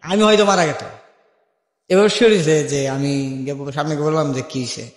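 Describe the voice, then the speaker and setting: In a brisk, fairly high-pitched voice, the young Bangladeshi guest relates his life story during a radio-style interview, speaking informally and dramatizing remembered dialogue. The recording is echoey, with a long reverb tail.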